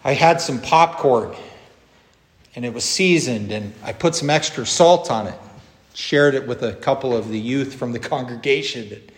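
A man preaching a sermon as pastor, slow and measured, with emphatic rises on key words. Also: mid-range voice. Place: church sanctuary. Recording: long church reverb.

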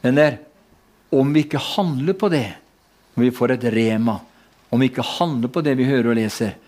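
A man's voice: medium pitch, darkish tone. A man preaching a fervent prophetic sermon, speaking in God's voice and calling out hallelujah. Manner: fervent, speaks in the first person for God, exclaims hallelujah.

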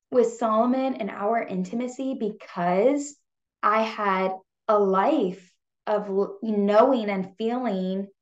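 A young woman hosts her own faith podcast, talking slowly and earnestly. Her tone is tender, with gentle pauses between thoughts. The recording is a bit dull and lo-fi, like a simple home setup. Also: mid-range voice. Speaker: podcast host. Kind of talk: personal faith podcast monologue.

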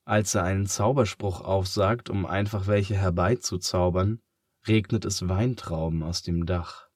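Slow, low-voiced male storybook narrator. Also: no echo, clean studio sound. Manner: calm, expressive storytelling. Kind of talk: children's story reading.

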